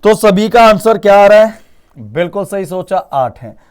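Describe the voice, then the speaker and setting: A young man teaching a live online Hindi grammar class, lively, quizzing students with repeated questions and mixing English words into his talk. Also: sits high, moderate pace.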